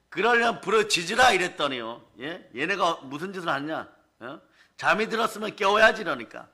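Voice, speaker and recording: Male pastor preaching hard, bright forceful voice, keeps checking the crowd. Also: on the high side. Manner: emphatic, colloquial, asks the congregation for responses. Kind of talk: sermon.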